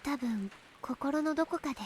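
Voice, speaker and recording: A high, youthful girl's voice from a visual novel , acted by a woman. She is mysterious and speaks quickly with a sweet, unsettling smile in her delivery. Faint noise sits behind her. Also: a little mellow, natural voice. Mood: soft, knowing. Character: mysterious teenage girl, sweetly smiling yet unsettling. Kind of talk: Japanese visual novel voice acting.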